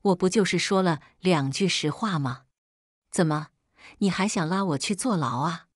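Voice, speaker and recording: A woman voicing a spiteful, shrill middle-aged mother with a mocking way of talking. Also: moderate pace, no echo, studio quality, close to an everyday voice. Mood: shrill fury.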